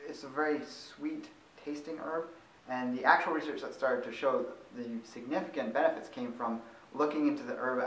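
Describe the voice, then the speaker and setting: A man's voice: mid-range voice, a bit bright, a little hiss or hum. A man talks through a tonic herb at his own pace, conversational and a little loose, correcting himself here and there. His voice sits in an ordinary middle register. The sound is roomy, picked up from some distance away. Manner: conversational, with fillers and self-corrections. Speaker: host of a longevity channel. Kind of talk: casual informative monologue.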